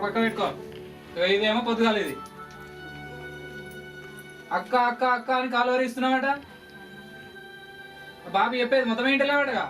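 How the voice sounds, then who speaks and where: A woman's voice: a little high, fairly bright tone. A woman, scolding and instructing a patient about taking medicine. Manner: scolding, bossy. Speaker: caretaker giving medicine. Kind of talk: village short-film acting. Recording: distant mic with background music.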